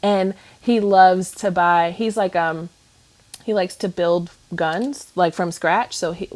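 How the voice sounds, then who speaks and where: A woman chatting casually on a podcast, telling an animated story and laughing often between thoughts. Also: lowish voice, slow.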